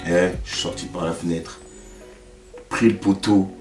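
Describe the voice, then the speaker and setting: A young man with a French accent, a YouTuber telling stories in a casual, slangy, animated way and talking straight to the viewer. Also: low voice, measured pace, far from the mic. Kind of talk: casual storytelling to camera. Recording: roomy, away from the mic, faint music.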